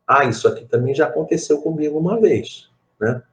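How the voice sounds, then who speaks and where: A man's voice: fairly high pitch, lively intonation, fairly quick, highs cut off. A middle-aged man with a Rio de Janeiro accent leading a spiritist study group, telling stories with many asides and repeated phrases. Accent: Rio de Janeiro Portuguese. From Brazil. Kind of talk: conversational group study talk.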